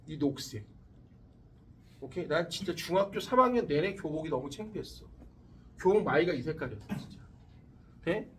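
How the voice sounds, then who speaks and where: Animated high-voiced male physics teacher. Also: recorded from a distance, a little hiss or hum. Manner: animated, crude slang, acts out quoted voices. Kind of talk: classroom lecture with storytelling. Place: classroom.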